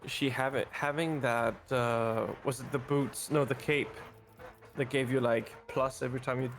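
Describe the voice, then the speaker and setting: A man's voice: mid-range voice, fairly even intonation, normal speed, faint music behind. A man chatting casually with a game streamer and eagerly offering tactical advice. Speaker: friend co-watching the stream. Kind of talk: casual chat.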